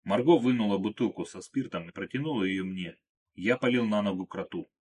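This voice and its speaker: With a husky, low-sitting voice, this audiobook narrator tells a story in the first person. He keeps a steady, unhurried pace, calm and measured throughout.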